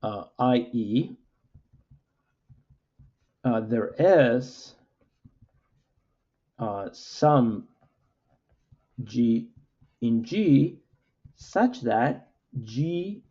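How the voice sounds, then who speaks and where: A man, a mathematics professor, lecturing with frequent "uh" fillers in a measured, explanatory way. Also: medium pitch, lively intonation, dark tone, dull audio.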